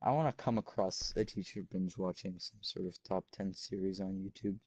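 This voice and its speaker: Young dude cohosting a podcast, goofy and rambly, deep-ish voice, no room sound. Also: male voice, fairly even intonation, normal speed, darkish tone, husky, no echo, rough recording. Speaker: podcast co-host. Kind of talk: casual chat.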